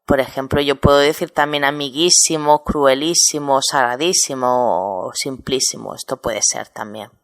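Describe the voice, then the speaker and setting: A woman's voice: very deep voice, steady tone, moderate pace, few pauses. A woman teaching a grammar lesson, explaining step by step with many examples. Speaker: Spanish teacher.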